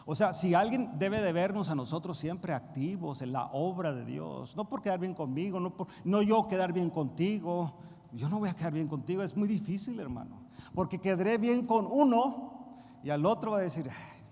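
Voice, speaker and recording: A man preaching a sermon to his congregation, calling them brothers and swinging from hushed remarks to loud, emphatic bursts. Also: sits high, lively intonation, moderate pace. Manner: addresses congregation directly as brothers. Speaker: pastor. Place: church sanctuary. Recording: reverberant church hall, faint noise.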